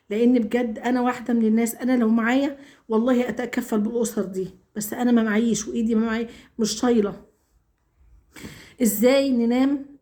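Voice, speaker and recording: A woman's voice: a little high, mellow. A woman with an Egyptian accent making an earnest, emotional appeal straight to her viewers. She pleads, repeats herself and stammers over words. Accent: Egyptian Arabic. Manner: stammers and restarts when upset. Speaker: vlogger. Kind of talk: emotional direct-to-camera appeal.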